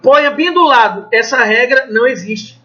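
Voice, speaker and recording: Bright, high-voiced Brazilian teacher. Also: male voice, normal speed, highs cut off. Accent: Brazilian Portuguese. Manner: conversational, asks the class questions and answers them himself; swears casually. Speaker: Portuguese teacher. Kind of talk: exam review lesson.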